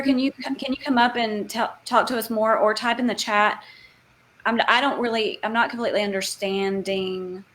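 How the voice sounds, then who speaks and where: A woman yoga teacher hosting a live online Q&A over a video call, explaining in a chatty way with quick restarts. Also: medium pitch, a bit bright, a little hiss or hum.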